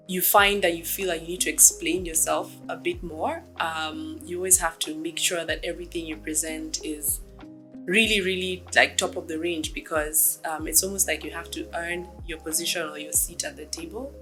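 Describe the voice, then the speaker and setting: In an interview, a startup executive from Kenya, a woman in her thirties, gives thoughtful, measured answers peppered with ums. Her voice is low, yet her tone comes across bright and forceful.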